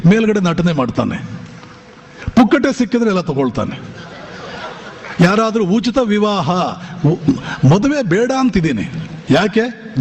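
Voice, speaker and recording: Male monk, fairly high voice, impassioned sermon with rhetorical questions, long hall echo. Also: darkish tone. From Bijapur region, Karnataka. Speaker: monk giving a motivational talk. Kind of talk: motivational sermon.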